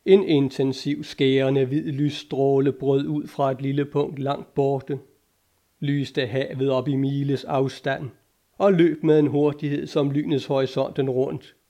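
A man narrating an adventure audiobook in a measured, dramatic reading. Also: mid-range voice, mellow.

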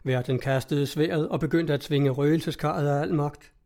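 A man reading a story aloud in an even, measured way. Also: fairly high pitch. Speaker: narrator. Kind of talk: audiobook narration.

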